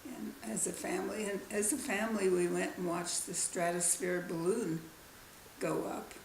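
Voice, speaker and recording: An elderly woman in her nineties with a gravelly, creaky voice. She answers questions slowly, searching for words and pausing often. The recording sounds roomy, with a faint hiss behind her. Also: medium pitch, flat delivery. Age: 90s. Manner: slow, halting recollection. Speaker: interviewee, grandmother. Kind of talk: casual family interview.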